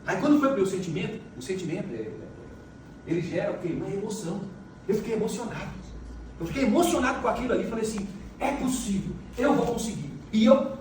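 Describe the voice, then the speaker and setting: In a large, reverberant event hall, a middle-aged motivational speaker with a high-pitched, slightly mellow voice tells emphatic stories and drives points home through repetition. The far-off mic catches echo and faint noise.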